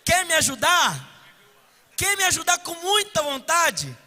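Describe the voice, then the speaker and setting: A man with a Brazilian accent preaching at a conference, passionate, moving between loud declarations and hushed asides. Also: very high-pitched, wildly swooping pitch, measured pace. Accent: Brazilian Portuguese. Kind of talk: conference sermon. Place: conference hall. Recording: echoey hall reverb.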